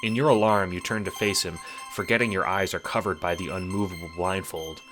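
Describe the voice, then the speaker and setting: Here the narrator-producer's deep voice stays steady and moves briskly through a dramatic, scripted second-person tale. Music sits underneath throughout.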